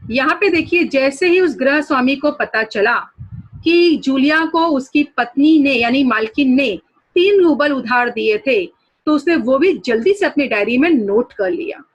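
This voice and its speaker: A woman's voice: sits high, lively intonation, unhurried. A woman teacher explaining a story lesson to students, guiding them through pictures and new words.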